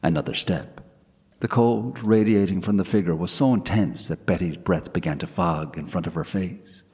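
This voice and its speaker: A man narrating a scripted ghost story in a measured, hushed way. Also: deep voice, husky. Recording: long hall reverb.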